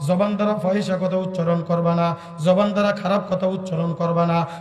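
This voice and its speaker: A man's voice: high voice, level tone, fairly quick, a little mellow, natural voice. A man voicing a stern, loving mother who is admonishing her young son, his voice echoing in a hall from far off. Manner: earnest admonishing tone.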